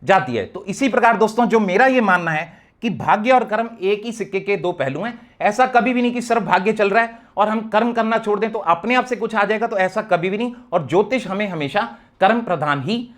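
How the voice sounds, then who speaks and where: A man's voice: high-pitched, brisk. A man working as an astrologer, giving an earnest explanatory talk to viewers and slipping English terms into his speech.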